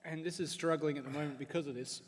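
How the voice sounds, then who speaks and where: High-voiced man in echoey hall. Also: fairly even intonation, fast, noisy background. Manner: chatty, filler-heavy, talking while eating spicy chips. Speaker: panel presenter. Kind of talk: live convention panel talk. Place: large convention hall.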